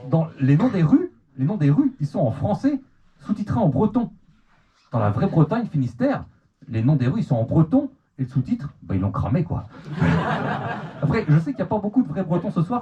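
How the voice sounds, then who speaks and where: Fairly quick and sing-song, this young man's voice is on the high side with a breathy edge and the Normandy accent of France's Manche region. Doing stand-up on a club stage, he pokes fun at others and himself, repeatedly restarting stammered words. The recording is lo-fi, dull and noisy, with laughter from the crowd.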